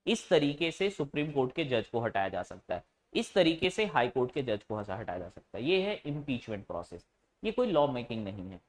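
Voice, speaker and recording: A man's voice: medium pitch, very animated, fairly quick. A man teaches a class, his voice rising and falling a lot as he fires questions at the students and answers them himself. He stays informal with the class and teases them at times. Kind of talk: classroom lecture.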